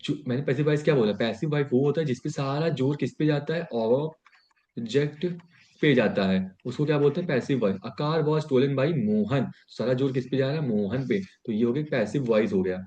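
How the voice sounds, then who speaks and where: A man's voice: mid-range voice, a little fast, dark tone. A man teaching an online grammar lesson who explains by asking his students repeated questions. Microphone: webcam or built-in mic. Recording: lo-fi dull sound.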